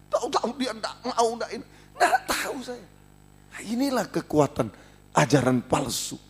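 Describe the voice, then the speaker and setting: A middle-aged man preaching a sermon in a high, husky voice. His pitch leaps and falls all the time. He swings from loud emphatic outbursts to hushed asides. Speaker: pastor.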